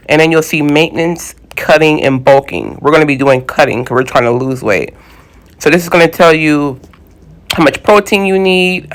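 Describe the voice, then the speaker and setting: A woman vlogging in a loose, informal way, talking straight to her viewers from her home kitchen. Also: low-pitched. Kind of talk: casual how-to vlog chat.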